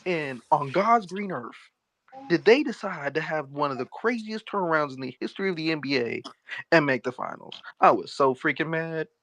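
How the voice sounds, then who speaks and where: A man's voice: fairly high pitch, moderate pace, no echo. A man telling a sports bet story with slang and laughter in casual chat. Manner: animated storytelling, slangy, laughs while talking. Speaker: podcast host.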